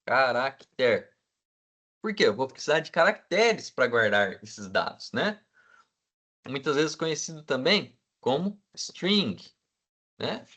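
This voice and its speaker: A man's voice: mid-range voice, sing-song, slow, bright, forceful tone. Male teacher lecturing a class. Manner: asks the class for agreement constantly; fills with "né?" and hesitant "é".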